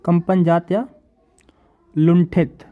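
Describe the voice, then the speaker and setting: A male teacher giving a classroom lecture, repeating definitions slowly and asking his students questions. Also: high-pitched, flat delivery, narrow, tinny audio.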